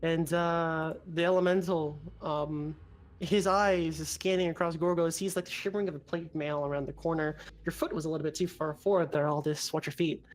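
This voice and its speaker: A man improvising descriptive narration as game master of a tabletop game, halting and conversational. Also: on the high side, steady tone, low-quality recording. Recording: background noise.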